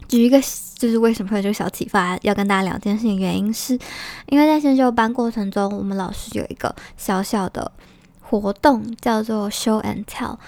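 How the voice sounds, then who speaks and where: A woman's voice: medium pitch, creaky, a little mellow, dry recording. A woman hosting a casual solo podcast in a reflective, confiding way, her articulation slightly slurred from wearing dental braces. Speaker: podcast host.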